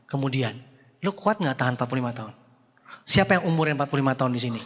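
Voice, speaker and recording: A man's voice: mid-range voice, lively intonation, very fast, a bit bright. A man giving a motivational seminar talk to an audience in a style, playful and teasing, with mock dialogues and rhetorical questions. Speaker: motivational speaker. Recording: dull echoey hall sound.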